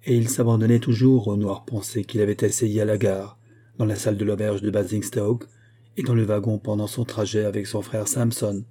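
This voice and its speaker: Dark, husky male audiobook narrator. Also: fairly low pitch. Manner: steady, measured reading. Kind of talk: scripted literary narration.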